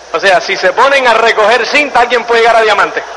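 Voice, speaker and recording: Man, motivational speaker, high voice, acts out stories, faint background noise. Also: moderate pace. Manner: animated storytelling, acts out scenes and voices; repeats phrases for emphasis, asks the audience questions. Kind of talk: motivational talk to an audience. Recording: long hall reverb, faint noise.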